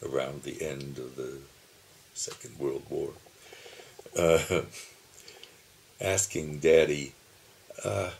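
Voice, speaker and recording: A man in his seventies, reminiscing slowly about his childhood, pausing often with soft chuckles, who calls his own voice dull. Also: rumbling low, steady tone, vocal fry, a little hiss or hum. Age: 70s. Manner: slow, musing, with soft chuckles and pauses. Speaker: video diarist. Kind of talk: reflective personal reminiscing. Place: home, seated at his computer. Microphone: computer camera mic.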